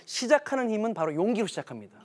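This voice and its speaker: Man, lecture to an audience, animated storytelling, acts out dialogue, high voice, lively swings in pitch. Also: fast. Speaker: lecturer on parenting. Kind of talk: televised lecture.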